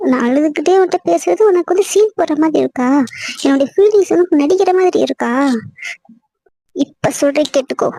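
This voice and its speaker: A woman's voice: sits high, warm tone, no echo. A young woman acting a hurt wife arguing with her husband on a phone call. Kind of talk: acted phone-call drama.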